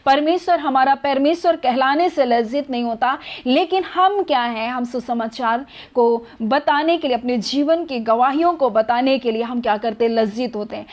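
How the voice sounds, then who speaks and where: A woman preaching a sermon, earnestly asking rhetorical questions and answering them herself. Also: high voice.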